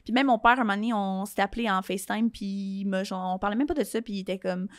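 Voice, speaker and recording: A woman's voice: medium pitch, fast, no echo, clean studio sound. A young woman with a Quebec French accent chatting informally as an interview guest, mixing in slang and English words. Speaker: podcast guest, comedy performer. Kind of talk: casual conversational interview.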